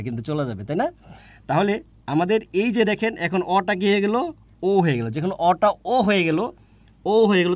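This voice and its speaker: A man's voice: on the high side, darkish tone. A man teaching a grammar class online, repeating points and asking questions he answers himself. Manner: repetitive, asks questions and answers them himself.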